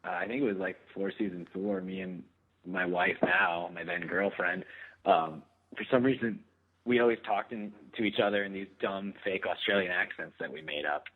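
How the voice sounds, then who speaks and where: A man in his thirties talks casually as an interview guest. He rambles through plenty of fillers and laughs easily. His slightly low, husky voice comes through a thin, phone-like line. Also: steady tone, moderate pace. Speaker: guest actor.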